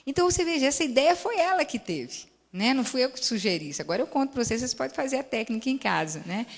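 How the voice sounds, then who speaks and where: A woman's voice: high voice, fast. A woman with a Brazilian accent, a therapist giving a lecture and telling case stories, who often acts out the dialogue and keeps checking in with "né?". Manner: lively storyteller, acts out dialogue, frequent "né?" tags. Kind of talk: lecture with anecdotes, audience Q&A. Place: lecture hall. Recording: long hall reverb.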